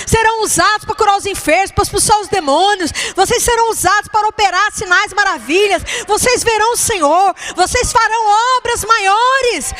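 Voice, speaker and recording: A woman's voice: very high voice, fairly bright tone. A woman pastor, preaching a fervent sermon and calling out to the congregation.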